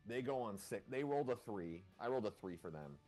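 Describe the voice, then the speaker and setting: A man's voice: on the low side, expressive, a little fast, dark tone, soft background music. A man narrating and ruling as dungeon master in a tabletop game, talking loosely with lots of filler words. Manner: loose, rambling narration full of "like".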